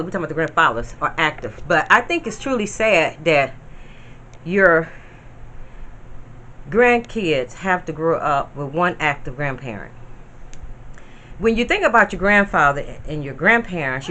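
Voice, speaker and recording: A woman's voice: low voice, pushed and bright, a little hiss or hum. A woman in her fifties, a grandmother talking casually to the camera at home, chatty and rambling and speaking straight to her viewers. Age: 50s. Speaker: grandmother vlogger.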